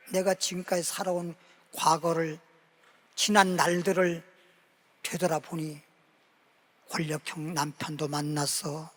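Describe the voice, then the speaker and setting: A male pastor delivers a Sunday sermon as a story, voicing the people in it with animation. His voice sits high, and the church hall gives it a long, ringing reverb. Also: a bit bright. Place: church sanctuary.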